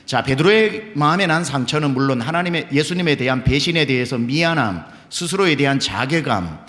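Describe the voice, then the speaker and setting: Male pastor, fervent storytelling sermon, fairly high voice, long church reverb. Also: a bit bright.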